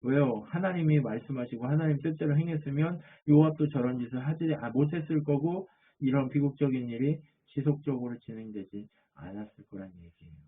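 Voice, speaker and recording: Preaching with a fairly quick delivery and hardly a pause, this male pastor has a mid-range voice and keeps asking his congregation questions that he then answers. It's recorded with thin, phone-like sound.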